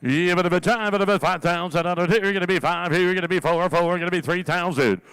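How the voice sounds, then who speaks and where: A man working as an auctioneer, calling bids in a rapid, rolling chant with repeated filler phrases between the numbers. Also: sits high, fairly bright tone, clean tone.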